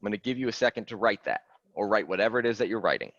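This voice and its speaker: A man, coaching clients on a video call in an earnest, animated way, stressing key phrases by repeating them. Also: fairly low pitch, racing, no echo. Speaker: fitness coach. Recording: dry, dull lo-fi call audio.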